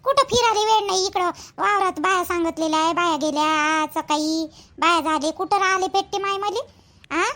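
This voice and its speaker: Voicing a chatty, practical village mother for a rural family cartoon, this woman uses an extremely high, somewhat bright voice at a fairly quick pace. She talks in colloquial Vidarbha Marathi with a Varhadi accent, rambling and repeating herself like a busy, talkative mom.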